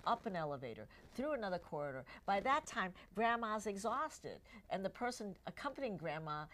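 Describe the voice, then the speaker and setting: Her mid-range voice swings widely in pitch, fairly quick and fairly bright, as this middle-aged woman hosts a health talk show from a TV studio. An eye doctor whose native tongue is Cantonese, she chats with her guests and frequently seeks their agreement.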